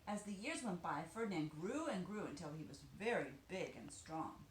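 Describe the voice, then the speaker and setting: A woman reads a children's story aloud with a very lively, swooping delivery. She stresses words dramatically and tells it deliberately. The room rings around her voice, with faint noise underneath. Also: on the low side. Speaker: storybook reader, teacher. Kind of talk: expressive read-aloud of a children's picture book. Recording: roomy echo, faint background noise.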